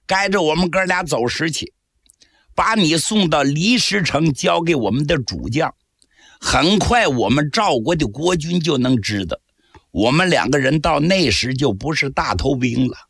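A man's voice: fairly high pitch, no echo, studio quality. A man voicing a gleeful foot soldier gloating over a captive and his coming promotion. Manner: gloating, excited.

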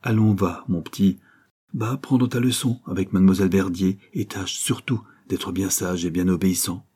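A man reading aloud voices a gentle young mother who speaks softly and tenderly. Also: low-pitched, steady tone, moderate pace, husky. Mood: gently scolding. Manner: soft, tender. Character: gentle, sad young mother, soft-spoken.

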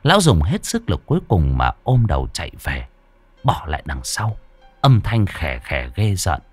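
Low-voiced man narrating a dramatic tale. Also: moderate pace, husky, soft background music. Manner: animated, swooping delivery. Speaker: audiobook narrator.

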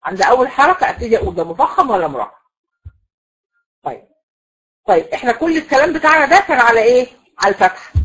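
Egyptian lady teacher, quick lecture, bit husky, keeps quizzing the class. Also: fairly high pitch, sing-song, a bit bright, rough recording. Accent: Egyptian Arabic. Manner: explains patiently, asks the class questions and repeats key rules. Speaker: Quran recitation teacher.

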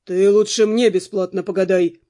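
A gruff male prison guard who heckles and grumbles with put-on indignation, as a woman reader lowers her voice for him. He talks loud and sneering, voice pushed well below the reader's own. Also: fairly even intonation, moderate pace, close to an everyday voice. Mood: mocking.

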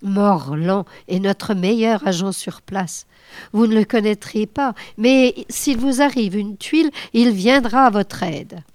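A woman's voice: mid-range voice, slow, darkish tone, no room sound, natural voice. A woman reading aloud voices a fatherly male spymaster reassuring his agent.

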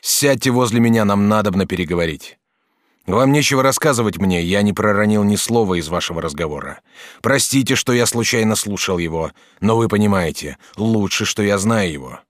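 A man reading an audiobook, voicing a noble, grieving older master artist who speaks in halting, broken phrases. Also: lowish voice, animated, no room sound, clean studio sound, natural voice. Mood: grave. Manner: halting, broken, restrained sorrow.

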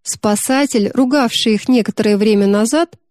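A woman narrating a novel in a smooth, expressive storybook reading. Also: on the high side, moderate pace, dry recording, studio quality.

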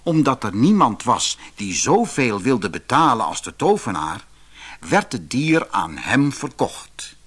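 An audiobook narrator from the Netherlands reads a fairy tale in expressive, scripted narration. He has a Dutch accent and a slightly husky, medium-pitched voice, and he goes slowly.

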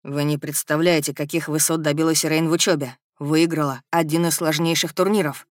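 A man voicing a gentle young male lord and inventor in an audiobook, speaking calmly and reassuringly. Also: fairly high pitch, brisk, no echo, clean studio sound, natural voice. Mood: earnest. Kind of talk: audiobook character reading.

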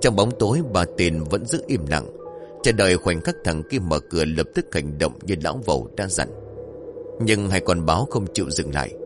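A man narrating a story in an expressive, dramatic way, with faint music behind. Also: deep voice, moderate pace.

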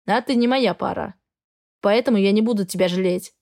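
A woman's voice: mid-range voice, brisk, close to an everyday voice. Woman doing a cold, arrogant male dragon. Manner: flat, indifferent tone.

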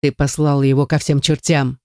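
A woman's voice: very deep voice, flat delivery, normal speed, mellow, no room sound. Lady reading a harsh angry guy who snaps and swears, dry close sound. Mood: hostile. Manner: harsh, snapping, cursing. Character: angry, hostile young man, brother's defender.

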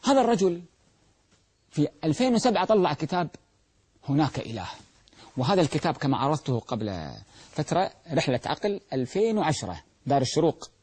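Guy giving a tv religious talk, kinda high voice, pushes his points with questions he answers himself. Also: sing-song, fairly quick, long pauses, darkish tone, breathy edge. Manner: emphatic, asks rhetorical questions and answers them. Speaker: religious lecturer. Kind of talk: televised Ramadan religious talk.

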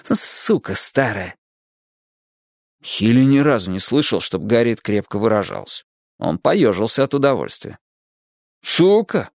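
A man narrating an audiobook in an expressive storytelling manner. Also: on the low side, moderate pace, creaky, dry recording, clean studio sound. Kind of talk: audiobook reading.

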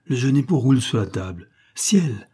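A man narrating a short story in a measured, theatrical audiobook reading. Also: mid-range voice, mellow, slightly rough.

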